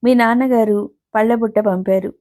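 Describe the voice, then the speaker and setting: A woman reads the part of a courteous young man in a storybook, brisk and a little shy, in a soft, mellow tone. He turns down an invitation politely but quickly. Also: high-pitched, fairly even intonation, close to an everyday voice.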